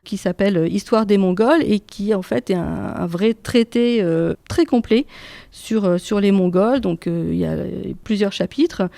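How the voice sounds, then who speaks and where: A woman researcher explaining history in an interview, speaking carefully with many pauses and fillers. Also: mid-range voice, vocal fry, mellow, no room sound. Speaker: researcher guest. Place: research institute room.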